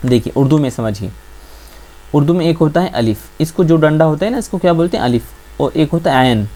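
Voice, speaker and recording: A man teaching the Urdu script as a patient teacher, asking his listeners questions and answering them himself, repeating each point slowly. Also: a little high, expressive, dark tone. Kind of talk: classroom-style script lesson.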